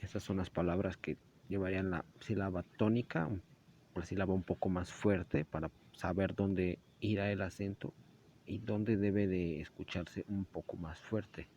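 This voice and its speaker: A man's voice: sits low, steady tone, a little slow, darkish tone, slight background noise. A young man giving a class presentation, explaining step by step with small slips and self-corrections. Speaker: student presenter. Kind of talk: school presentation narration. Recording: dull lo-fi recording.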